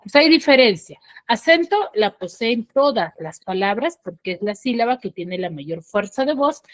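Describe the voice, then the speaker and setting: A woman teacher giving an online class, explaining step by step. She keeps asking quick questions and answering them herself, and checks in with short "¿ya?" tags. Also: medium pitch. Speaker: school teacher.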